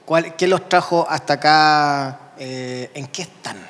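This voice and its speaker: A man's voice: on the high side, takes it slowly, a bit bright, clean tone. Hesitant male moderator. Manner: hesitant, with many fillers. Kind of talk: panel moderation. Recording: long hall reverb.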